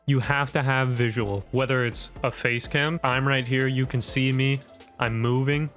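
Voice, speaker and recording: Male online video host, medium pitch, wired and over-caffeinated, punchy emphatic tutorial delivery, faint music underneath. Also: fairly even intonation, normal speed, fairly bright tone. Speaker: YouTube content creator and host. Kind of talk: direct-to-camera tutorial, scripted vlog. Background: background music.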